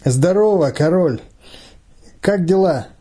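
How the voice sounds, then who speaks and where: A man's voice: on the high side, lively intonation, a little slow, warm tone, breathy edge, voice pushed up. Man voicing an eager young camp boy. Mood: fawning. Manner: eager, a little fawning.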